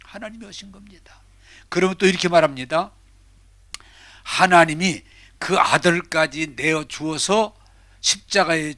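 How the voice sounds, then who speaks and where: With a bright, ringing voice pitched a little high for a man, an older pastor preaches a sermon that swings dramatically between loud declarations and hushed whispers. The recording is dry and close, with no room sound.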